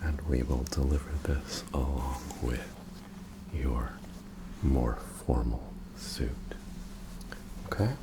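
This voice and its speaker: A man in an ASMR role-play as an attentive, courteous tailor, breathy and softly presenting his wares to a customer. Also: rumbling low, steady tone, takes it slowly, long pauses, heavy background noise. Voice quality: breathy, mostly soft-spoken.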